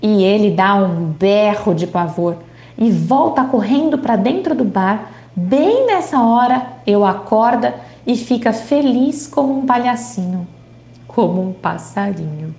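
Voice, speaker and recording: A woman's voice: mid-range voice, expressive, unhurried, a little mellow, roomy sound. A woman reading as a boy telling a wild dream. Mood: dreamy. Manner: broken childlike grammar, storytelling. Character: young boy telling his dream, childish grammar.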